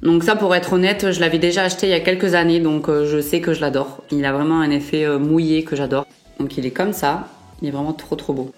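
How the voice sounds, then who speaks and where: A woman's voice: deep voice, steady tone, quick pace, faint music behind. A young woman vlogger chatting casually through a makeup review, with frequent fillers and self-corrections. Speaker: beauty vlogger.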